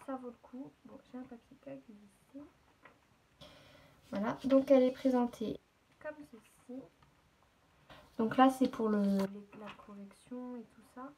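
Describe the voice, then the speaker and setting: A woman's voice: a little high, warm tone, slight background noise, rough recording. A woman chatting casually to her viewers as she unboxes and shows off a beauty haul, with plenty of fillers. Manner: chatty, filler-heavy, addresses viewers directly.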